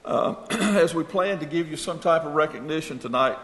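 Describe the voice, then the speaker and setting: A man giving a formal speech at a public meeting, halting with many fillers and frequent throat-clearing. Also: a little high, a bit bright. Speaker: board member presenting an award. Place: large meeting hall. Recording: echoey hall, faint room noise.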